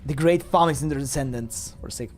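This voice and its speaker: A man's voice: mid-range voice, quick pace, heavy background noise. A man streaming a game, reading dialogue aloud and commenting casually, often stumbling over words.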